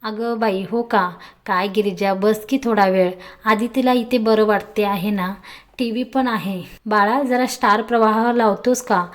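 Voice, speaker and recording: A woman's voice: medium pitch, fairly even intonation, a little slow, natural voice. Storybook granny, old and cheerful, teasing, read by a woman. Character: older grandmother, cheerful and teasing.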